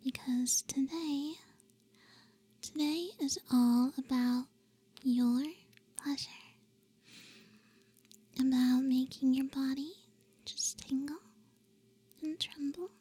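A young woman whispering a roleplay for the listener in a soft, teasing, affectionate way, with breathy little hums between phrases. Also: high-pitched, steady tone, slow, pauses often. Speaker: audio roleplay performer.

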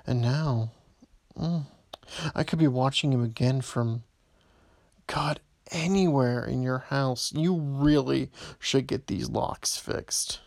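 A gravelly, drawn-out voice of a predatory stalker, performed by a man, lingering on every word. He taunts in a low murmur that keeps sinking into a hushed whisper. The sound is close and completely dry, with no room around it. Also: no room sound. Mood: threatening. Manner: slow, low, taunting delivery with frequent whispers. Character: menacing adult male stalker, predatory and possessive. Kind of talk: audio roleplay voicemail.

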